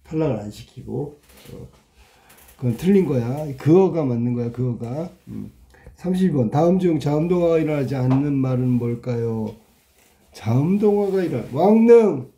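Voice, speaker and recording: A male Korean language teacher talking casually through exam questions, sounding out words slowly and often repeating them, with many rhetorical questions. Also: mid-range voice, vocal fry, dark tone. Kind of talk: casual exam walkthrough lesson.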